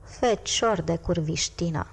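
A woman voicing a gruff, threatening middle-aged father who speaks curtly and menacingly in an audiobook. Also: on the low side, lively intonation, in a large hall. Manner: menacing, curt.

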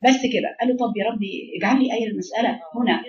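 Egyptian woman teaching a class, brisk and questioning, fairly high voice, muffled recording. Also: a crowd in the background. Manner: animated, asks the class questions and answers them. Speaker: religious teacher. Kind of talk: Quran lesson in Egyptian colloquial. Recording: dull lo-fi recording.

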